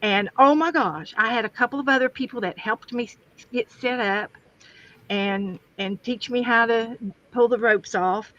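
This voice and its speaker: Speaking from her home craft room, this woman with a West Virginian accent chats casually on a livestream as a guest crafter and streamer, spinning rambling stories. Her pitch sits on the high side, her pace is moderate, and her tone is fairly bright. Captured through a livestream camera setup, the audio sounds dull and dry.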